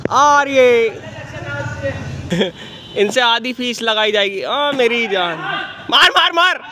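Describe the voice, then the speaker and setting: A young man filming on his phone at an outdoor turf cricket net, giving excited, shouting commentary on a friendly match. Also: very high-pitched, slow, noisy background. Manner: loud, excitable, shouting calls. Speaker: vlogger and player-commentator. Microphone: handheld phone camera.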